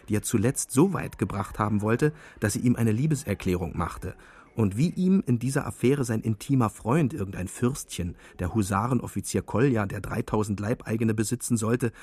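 A man's voice: lowish voice, a little mellow, breathy edge. A man narrating a radio play with a brooding, bitter manner.

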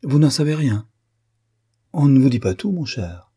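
A man's voice: medium pitch, big pitch swings, moderate pace, warm tone, husky, voice pushed up. A man voicing a haughty, teasing young Russian princess with an ironic, mocking manner in an audiobook reading. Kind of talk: audiobook character voice.

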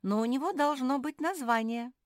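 A woman voicing a calm, wise female dog in a children's audiobook, brisk and composed. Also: sits high, dry recording, clean studio sound, pitched above the performer's own voice, natural voice.

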